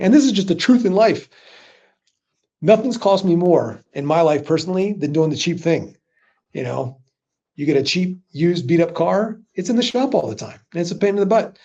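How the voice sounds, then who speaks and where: Over a muffled video-call connection, a man with a fairly high voice teaches sales objection handling in a live webinar. He is a sales trainer, energetic and chatty, and he plays out exchanges with customers.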